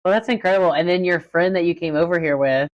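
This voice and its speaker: A woman's voice: on the low side, quick pace, no echo, lo-fi sound. A woman hosting a podcast interview, asking questions and filling in with short interested responses. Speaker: podcast host.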